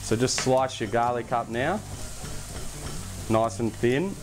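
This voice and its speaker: A young man hosting a casual cooking demonstration in a home kitchen, relaxed and chatty, with self-deprecating asides. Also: mid-range voice, takes it slowly. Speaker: cooking show host. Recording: background music under the voice. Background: music and pan sizzling.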